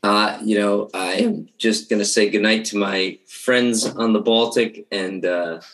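A man's voice: fairly low pitch, fairly even intonation, a little slow, a bit bright, poor audio. A man on a casual podcast, rambling and leaning on "you know" and repeated words.

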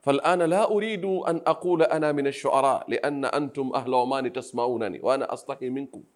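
A man from Pemba, by birth, answers an interviewer's questions. He speaks earnestly and humbly in a soft voice and often restarts his phrases. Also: mid-range voice, very fast. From Pemba, Zanzibar. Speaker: Arabic grammar teacher, interview guest. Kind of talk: interview conversation.

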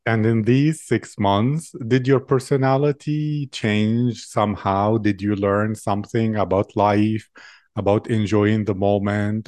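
A man interviewing a guest in a formal, sincere way, with deliberate phrasing. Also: on the low side, darkish tone, dry recording, clean studio sound.

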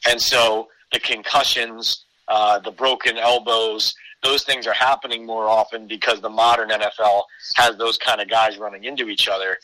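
A man's voice: fairly low pitch, little pitch movement, normal speed, few pauses, sharp tone, no echo, low-quality recording. A man giving conversational sports analysis as a podcast guest, explaining his case point by point.

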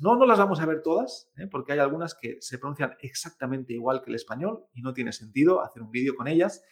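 Lively, high-voiced teacher man. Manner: patient, explanatory, checks in with tag questions. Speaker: Mandarin teacher. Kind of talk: online pronunciation lesson.

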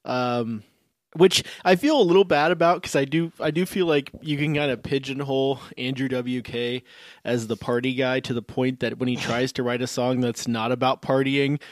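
A man's voice: mid-range voice, steady tone, normal speed, no echo. A man hosting a music podcast, talking casually with many fillers and laughs. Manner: giggly, hesitant, many fillers. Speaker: podcast host. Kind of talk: casual chat.

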